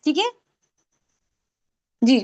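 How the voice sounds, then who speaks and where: A woman teaching an online Quran recitation class, explaining patiently and repeating sounds for her students to drill. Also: extremely slow. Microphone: video call.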